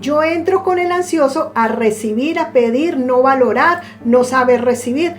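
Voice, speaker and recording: A woman giving a reflective spiritual teaching, speaking deliberately and stretching key words for emphasis. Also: high voice, soft background music.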